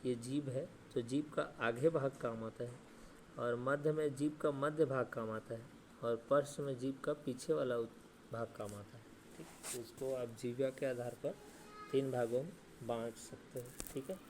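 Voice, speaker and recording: Flat-voiced man teaching a grammar lesson. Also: mid-range voice, measured pace, slight background noise. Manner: asks questions and answers them himself; repeats "ठीक है" and "है ना" often.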